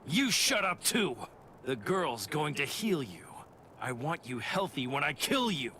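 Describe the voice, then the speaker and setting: A man's voice: medium pitch, big pitch swings, a little slow, sharp tone, a little hiss or hum, exaggerated voice. An actor playing a brash, violent young male warrior spirit in a game cutscene, cocky and bossy.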